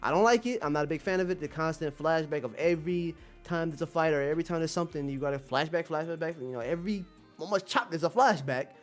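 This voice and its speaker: A fairly high-voiced man streams and comments on manga, talking quickly and casually to his viewers. He rambles emphatically in slangy language, repeating phrases for emphasis, with soft music in the background.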